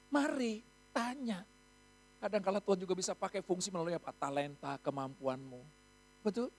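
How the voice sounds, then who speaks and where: A high-voiced man from Indonesia preaches to his congregation, tossing them questions to answer back. His delivery climbs to loud, emphatic peaks. Soft music plays faintly behind him. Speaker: pastor. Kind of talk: sermon. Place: church hall.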